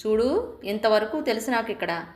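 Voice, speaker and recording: A woman voicing a caring but firm male office boss who talks in a gently insistent way. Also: fairly high pitch, lively intonation, normal speed, natural voice. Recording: roomy echo.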